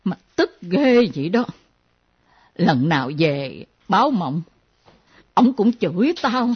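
Lady doing a low grumbly old mom, mumbly and slow, kinda muffled recording. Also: big pitch swings, breathy edge, full character voice. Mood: brooding. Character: aging widowed mother, grumbling, haunted by dreams. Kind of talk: radio drama acting. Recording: dull lo-fi recording.

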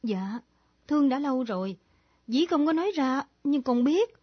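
An actress voicing a young daughter's ghost who softly coaxes her mother, in a radio drama. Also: high-pitched, expressive, normal speed, no room sound. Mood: soothing. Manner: soft, coaxing. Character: dead young daughter's ghost, gentle, soothing. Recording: dull lo-fi old radio recording.

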